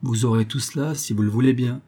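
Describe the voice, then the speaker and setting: A man's voice: mid-range voice, fairly even intonation, fast, dark tone, breathy edge, lightly acted. A man voicing a sinister, mysterious male stranger who speaks insistently and with menace in an audiobook. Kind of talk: audiobook character voice.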